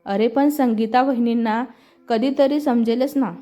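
A woman's voice: fairly high pitch, steady tone, a little slow, lightly acted. Woman reading as a hospitable middle-aged father. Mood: friendly. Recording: slightly muffled with soft music.

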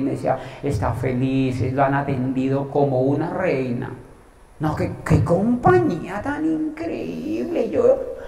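A man giving a motivational talk, telling stories and acting out the dialogue. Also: mid-range voice. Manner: animated storyteller acting out dialogue. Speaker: motivational speaker. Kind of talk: live motivational talk with anecdotes. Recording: echoey hall with long reverb.

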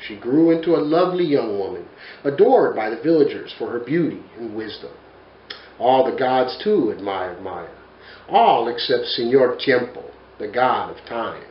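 A man in his forties reads a children's picture book aloud in a study lined with bookshelves, telling the story in an expressive, animated way. His mid-range voice sounds reverberant, with highs cut off and slight background noise.

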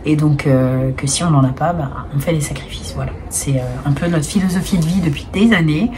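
A woman with a deep, low voice thinks aloud to camera, pausing often and searching for her words. A faint background hiss sits under the recording. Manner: hesitant and reflective, many fillers. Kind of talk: casual chat to camera.

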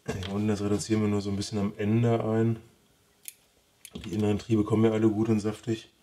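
Low, dark-voiced man muttering while trimming. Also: completely flat delivery, brisk. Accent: Ruhr German. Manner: thinking aloud, muttering while he trims. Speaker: bonsai vlogger. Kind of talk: casual commentary while working.

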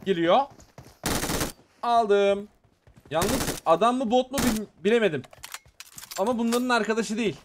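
A man hosting a gaming channel, commentating his own match in an excitable, muttering way that tenses up during fights. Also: high voice, unhurried, pauses often, noisy background. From Turkey. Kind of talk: live gameplay commentary.

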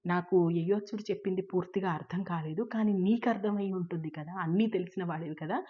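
Woman reading a frantic, grieving warrior father for a spoken story, low voice, anguished, dull lo-fi sound. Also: fairly quick, breathy edge. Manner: anguished, pleading, repeating questions. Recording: dull lo-fi recording.

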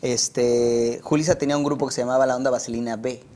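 A man with a Mexican accent, a singer and voice actor, telling anecdotes in a relaxed way as an interview guest. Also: medium pitch, quick pace. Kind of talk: casual interview storytelling.

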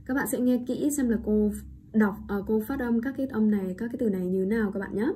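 A woman with a Vietnamese accent teaches English pronunciation, saying each word slowly and more than once before explaining it. She keeps checking in with her students. A faint hiss sits under the recording. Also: on the high side, mellow. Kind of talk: online pronunciation lesson.

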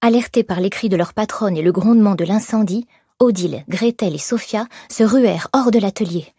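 A woman narrating an audiobook in measured, expressive storytelling. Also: medium pitch, slightly rough, no room sound, studio quality. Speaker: audiobook reader. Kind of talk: scripted narration.

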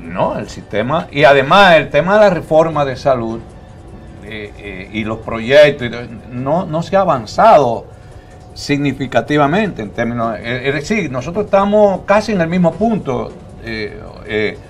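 An older man, speaking as a guest analyst on a TV panel, measured and full of hesitant fillers. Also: medium pitch, sing-song, faint music behind. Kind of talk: political panel talk. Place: TV studio. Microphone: lapel mic.

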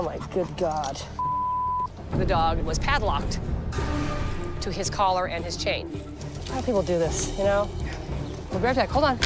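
A middle-aged woman who runs an animal rescue shelter, talking in a direct, plain-spoken way with casual fillers, speaking outdoors on a lapel mic for a reality TV show. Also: medium pitch. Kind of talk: reality TV interview and on-location talk. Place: outdoors in open fields and lots. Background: background music.

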